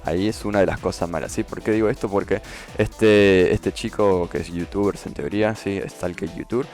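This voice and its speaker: A man narrates his gameplay in a relaxed, explanatory way. He keeps pausing to ask "¿sí?" to make sure viewers follow. Faint game music plays underneath. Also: low voice. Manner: explanatory, repeats "¿sí?" to check understanding. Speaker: gaming YouTuber. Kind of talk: casual gameplay commentary.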